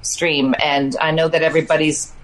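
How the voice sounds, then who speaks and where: A woman guest on a video call with a low, sultry voice, chatting in a laid-back, joking, rambling way. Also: little pitch movement, moderate pace. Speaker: comedian guest. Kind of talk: casual chat. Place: on a farm.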